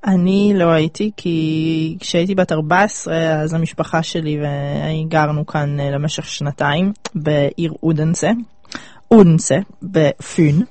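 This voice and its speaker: A woman in her twenties with an Israeli accent, chatting casually and pausing mid-sentence as she thinks. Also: low voice, fairly even intonation, a little mellow, no room sound. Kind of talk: casual chat.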